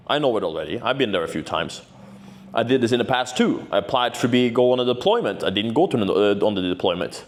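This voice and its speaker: In a quick, animated, mid-range voice, a twentysomething vlogger from Norway spins a casual yarn for the camera. He's a native Norwegian speaker whose delivery is swaggering and full of profanity, with "right?" tagged onto many lines.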